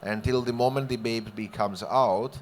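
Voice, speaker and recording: A man from Greece talks on a conference panel in a mid-pitched voice. He speaks expansively and with good humor, reaching for vivid images. Faint room ambience sits behind him. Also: fairly even intonation, normal speed, slight background noise. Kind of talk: panel discussion remarks.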